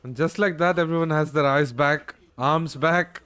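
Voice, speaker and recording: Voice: mid-range voice, fairly even intonation, normal speed, fairly bright tone, slight background noise. A sleepy, just-woken-up co-host of an anime reaction show, chatting in a laid-back, laughing way. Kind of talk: casual chat.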